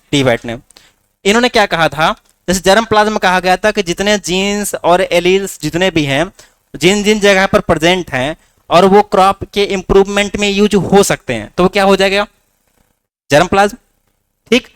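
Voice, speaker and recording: A man's voice: high voice, fairly bright tone, smooth, no echo. A man teaching a class with a north Indian Hindi accent, coaxing students with rhetorical questions. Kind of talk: classroom lecture.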